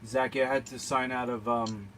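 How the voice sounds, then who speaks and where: A man speaking in a casual livestream monologue as a health coach, haltingly searching for words. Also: mid-range voice, fairly even intonation, a bit bright. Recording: noticeable background noise.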